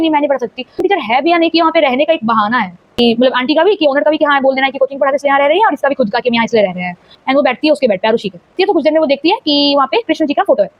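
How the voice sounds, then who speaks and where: A young woman races through a spooky personal storytime in a high voice, piling up repeated phrases for emphasis. The sound is dry and close, a little dull, as if from a modest home recording. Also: no echo. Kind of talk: casual storytime.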